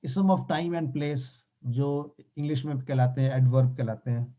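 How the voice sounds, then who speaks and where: A man teaching a Quran and Arabic grammar class online, answering questions in a relaxed way and mixing in English phrases. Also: medium pitch, dull audio. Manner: mixes English phrases into Urdu, relaxed explanatory.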